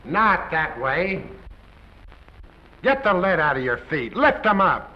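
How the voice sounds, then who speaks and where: A man's voice: high-pitched, very animated, slow, full character voice. An actor playing an impatient male film director who barks orders, in a 1930s film. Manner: bossy, barking. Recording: dull 1930s film soundtrack, far.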